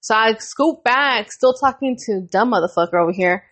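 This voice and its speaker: A young adult woman co-hosting a podcast, telling a story in casual chat, animated and profane and laughing often. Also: fairly high pitch, normal speed. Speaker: podcast co-host.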